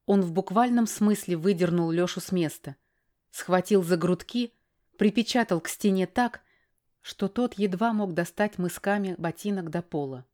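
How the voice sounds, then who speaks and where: Woman, young adult, audiobook narrator, first-person story, mid pitch, lively, sharp in dialogue.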